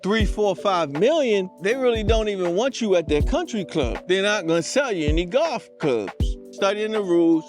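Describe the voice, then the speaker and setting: A man's voice: high-pitched, sing-song, moderate pace, few pauses, over music. A man co-hosting a podcast, talking in an emphatic, preachy way with a sing-song lilt. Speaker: podcast co-host. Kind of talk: casual conversational discussion.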